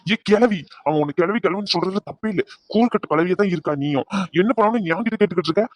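A woman's voice: mid-range voice, fast, no echo, lightly acted. A woman voicing a blunt, scolding family man in a cartoon, with mocking remarks. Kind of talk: cartoon voice acting.

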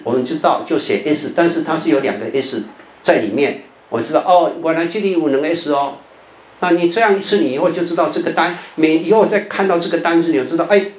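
An older man lectures as a Buddhist monk. His voice sits somewhat high, and he explains things patiently, often ending phrases with a drawn-out "哦". The recording sounds roomy and echoey, with faint noise underneath. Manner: patient explaining, sentence-final "哦" particles, drawn-out demo sounds. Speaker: Buddhist monk teaching English pronunciation. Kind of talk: televised lecture.

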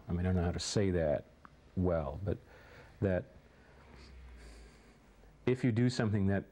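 A middle-aged man in a casual interview indoors, speaking in a measured, reflective way. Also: deep voice, mellow. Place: indoor room by a window.

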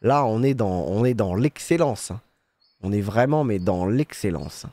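A man's voice: on the low side, lively intonation, measured pace, mellow, dry recording. A young man giving casual, joking commentary as he plays a game, sarcastic, swearing freely and humming little sound effects. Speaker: gaming streamer. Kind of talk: casual let's-play commentary.

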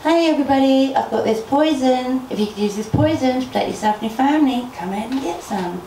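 A woman's voice: medium pitch, fairly quick, a little hiss or hum, close to an everyday voice. A woman voicing a poisonous female marigold flower who calls out and pleads in a storytelling. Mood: calling out. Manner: calling out loudly, pleading. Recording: roomy, voice from a distance.

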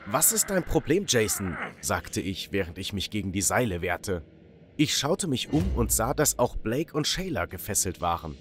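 Animated male storytime narrator. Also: low-pitched, moderate pace, a little hiss or hum. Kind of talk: scripted first-person storytime narration.

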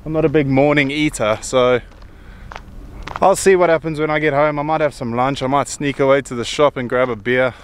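A man's voice: medium pitch, fairly even intonation, fairly quick, a little hiss or hum. A middle-aged man chatting enthusiastically and rambling as he walks outdoors, filming himself on a handheld phone. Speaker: vlogger. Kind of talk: casual walking vlog. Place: outdoors on a hillside.

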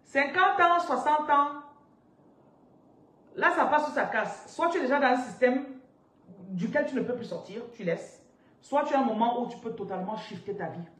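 A woman in her thirties, a spiritual business coach, teaching on a live stream in an animated, interactive way and reading out viewers' comments from a chair indoors. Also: sits high, moderate pace. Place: indoors, seated on a large ornate chair. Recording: roomy echo, somewhat distant from mic, faint noise.

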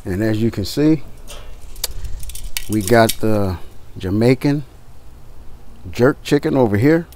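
Low-voiced, unhurried man chatting outdoors. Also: animated, a little mellow. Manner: folksy, addresses viewers as y'all and guys. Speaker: barbecue vlogger. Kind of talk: casual chat while grilling. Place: outdoors beside a backyard grill. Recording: outdoor noise with faint sizzle.

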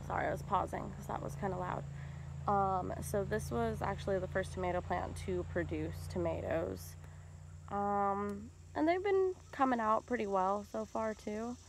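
A woman casually narrating a tour of her outdoor garden while filming on a phone, relaxed and chatty with lots of ums. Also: mid-range voice, normal speed, gravelly, noisy background. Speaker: home gardener vlogger. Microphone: handheld phone camera.

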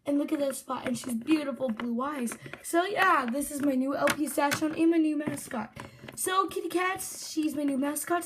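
A young woman hosting a casual toy unboxing, chatting in an excitable, gushing way and often repeating herself. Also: high-pitched. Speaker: host of a toy unboxing channel. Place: indoors, close over a tabletop toy set. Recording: noisy, clicky home camera recording.

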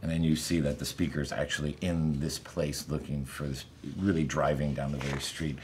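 This is a man in his forties with an extremely deep voice. He reads his own poem in a measured, deliberate way and discusses it with pauses and restarts. A faint ambient noise sits under his voice in a studio. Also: flat delivery, a little mellow. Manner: measured, deliberate reading; halting, reflective talk. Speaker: poet reading and discussing his own work. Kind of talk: poetry reading and studio discussion. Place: studio set, indoors.

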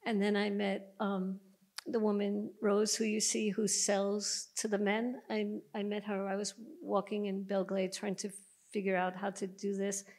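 A woman's voice: mid-range voice, little pitch movement, unhurried, a little mellow. A middle-aged woman, a documentary filmmaker, telling a long story on a panel stage with a handheld microphone and many restarts. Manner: narrates at length, with many restarts and fillers. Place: museum auditorium stage, seated panel before an audience.

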